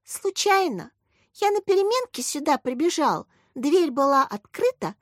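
A woman voicing a little first-grade boy who is tearful and pleading, in a squeaky voice. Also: very animated, unhurried, dry recording, clean studio sound.

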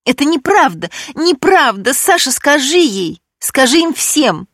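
A woman voicing a tearful, desperate young fiancée who pleads in a high, crying voice in an audiobook. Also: animated, normal speed, no echo, studio quality, natural voice. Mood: pleading.

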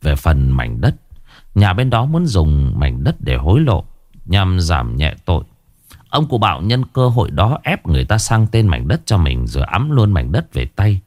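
Guy narrating a ghost story, low voice, really animated delivery. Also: moderate pace, no room sound, clean studio sound. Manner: expressive, dramatic storytelling.

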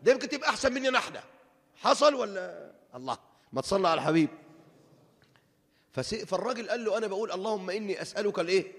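An Egyptian preacher rattles along at high speed with a somewhat high voice. He acts out each speaker in his stories and keeps asking the congregation questions. The long reverb of a mosque hall trails after his words. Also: racing, pauses often. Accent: Egyptian Arabic. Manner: lively storytelling, asks the congregation questions. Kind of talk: mosque lesson.

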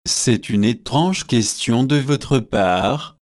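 Preachy young student lecturing his friends, read by a man, slow and self-important, storybook reading. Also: medium pitch, a little mellow, close to an everyday voice. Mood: condescending. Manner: magisterial, preachy. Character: pompous young male Oxford student, lecturing. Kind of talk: audiobook reading.

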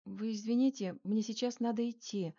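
A woman's voice: on the high side, moderate pace, mellow, highs cut off. A woman reading an audiobook, voicing a nervous, evasive female clinic secretary with strained politeness. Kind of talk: audiobook character voice.

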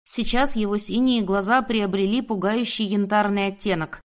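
A woman reads a first-person novel aloud at an even, measured pace. Her voice sits in a middle register. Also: mid-range voice. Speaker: audiobook narrator. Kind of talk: first-person scripted narration.

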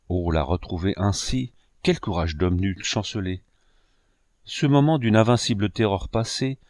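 Give me a man with a fairly low voice doing solemn audiobook narration, dry and close. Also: a little mellow, no room sound. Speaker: audiobook reader. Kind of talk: scripted narration of a novel.

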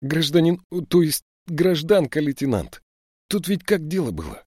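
A man's voice: mid-range voice, very animated, no room sound, clean studio sound, voice pushed up. A man doing a wheedling teenage boy. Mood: pleading. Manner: fast, pleading, ingratiating. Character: quick-witted wiry teenage boy thief, wheedling.

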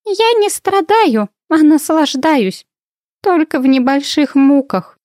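A woman voicing a greedy, playful female guinea pig in a squeaky, giggly, flirty voice. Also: sing-song, slow pace, a little mellow, no echo, clean studio sound, full character voice. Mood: lazy.

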